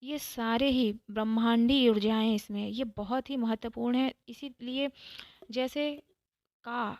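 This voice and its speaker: A woman giving a calm devotional talk, explaining step by step and repeating phrases for emphasis. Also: a little high, measured pace, no room sound. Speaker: spiritual teacher.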